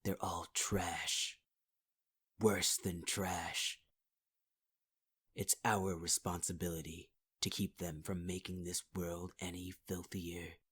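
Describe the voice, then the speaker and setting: Contempt colors this ASMR audio roleplay, where a man plays a possessive villain who half-whispers taunts near the mic and calls the listener sweetheart. His low voice is slow, flat, a bit bright, and edged with breath.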